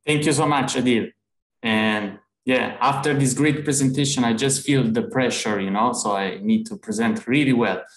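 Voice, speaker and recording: Man, mid-pitched, giving a friendly, self-deprecating talk over a video call in an echoing room. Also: normal speed. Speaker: panel speaker. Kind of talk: casual presentation.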